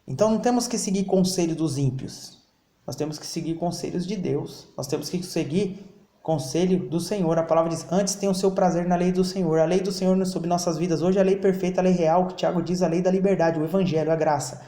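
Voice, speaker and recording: A preacher delivers a sermon, calling out for amens along the way. His voice sits fairly high yet sounds mellow and soft-edged. The echoey room around him rings with each phrase. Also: brisk. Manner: preaching with call-and-response "amém?" and acted prayer lines. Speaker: pastor. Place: church.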